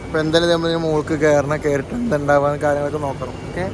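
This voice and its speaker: An excitable man with a slightly high voice chats casually to his vlog viewers. He mixes English slang words into his Malayalam and repeats catchphrases. The recording is a noisy handheld one. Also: racing. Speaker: vlogger. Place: hotel room and surroundings, on the move. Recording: noisy handheld vlog, ambient background noise.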